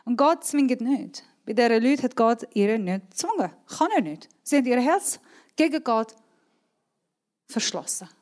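Woman preacher, Swiss German accent, slightly high voice, earnest and emphatic sermon delivery, repeats key words, sometimes drops to a near whisper. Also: lively intonation, moderate pace, a little mellow.

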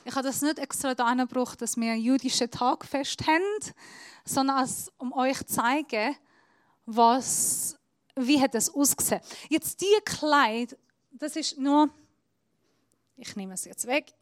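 A woman's voice: high voice, unhurried, no echo, clean studio sound. A woman from Iran, preaching a sermon in with many grammar slips, explaining as she shows props.

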